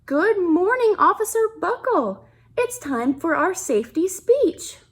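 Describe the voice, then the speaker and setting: A woman's voice: very high voice, very animated, a little slow, pitched above the performer's own voice, exaggerated voice. A woman voicing a polite, chirpy female school principal in a sing-song storybook manner. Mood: cheerful, polite.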